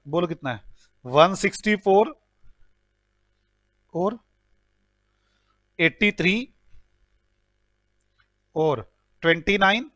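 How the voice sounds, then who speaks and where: A man with a slightly high, somewhat bright voice and no room sound lectures a class, solving problems aloud. He teases and jokes with his students while calculating, mixing English numbers into his Hindi.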